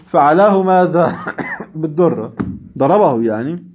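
A man's voice: a little high, animated, measured pace, darkish tone. A man teaching a seminary class, reading classical texts and explaining them in dialect with chuckling asides. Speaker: religious studies teacher.

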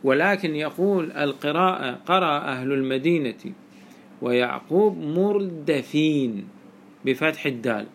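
A man's voice: on the high side, moderate pace, a bit bright, a little hiss or hum. A man teaching a classroom lesson on Quranic readings, explaining step by step and quizzing his students with questions.

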